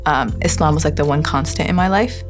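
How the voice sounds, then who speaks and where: A woman's voice: sits low, brisk. A young woman from Atlanta, a first-year seminary student, giving a reflective, heartfelt testimonial. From Atlanta, Georgia. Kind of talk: personal testimonial. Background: guitar music.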